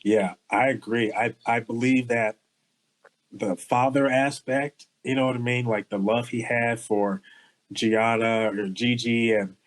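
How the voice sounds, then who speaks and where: Heartfelt LA guy co-hosting a podcast, thoughtful, middle pitch voice. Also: steady tone, unhurried, low-quality recording. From Los Angeles area. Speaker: podcast co-host. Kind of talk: casual podcast conversation.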